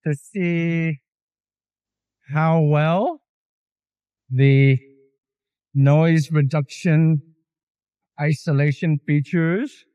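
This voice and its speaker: Man through a bass-boosting voice changer. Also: fairly even intonation, warm tone, smooth, no echo, poor audio. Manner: easygoing, unhurried talk. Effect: bass-boosting voice changer filter. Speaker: vlogger. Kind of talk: casual vlog greeting. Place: outdoors on a walk by a road.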